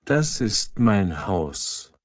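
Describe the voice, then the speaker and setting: A man slowly reading example sentences aloud for language learners, each one twice. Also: lowish voice, very animated, no room sound. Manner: reads each full sentence twice, clearly and evenly.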